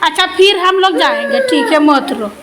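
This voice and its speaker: High-voiced woman vlogging amid loud noise. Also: sing-song, moderate pace. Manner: coaxing and soothing a crying child, repeating short phrases. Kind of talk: casual daily vlog. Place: outdoors in the sun.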